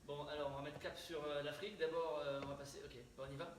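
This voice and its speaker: A man's voice: on the high side, level tone, fast, close to an everyday voice. A man playing a bossy, exasperated leader of a yearly expedition in a stage sketch. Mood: eager. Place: stage performance. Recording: very echoey noisy stage, mic far off.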